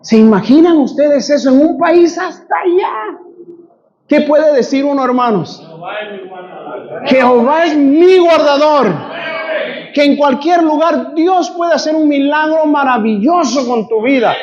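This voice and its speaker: A male pastor preaching a sermon, rising to shouts and asking the congregation questions. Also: extremely high pitch, unhurried, highs cut off. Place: church.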